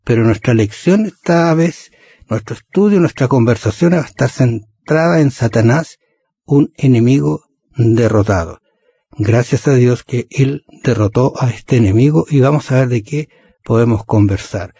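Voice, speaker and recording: A man co-hosts a religious radio conversation in a relaxed, chatty way, often tossing in rhetorical tag questions. His voice is mellow and slightly husky. The recording is dry and close. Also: medium pitch, normal speed, no room sound. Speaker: radio program host.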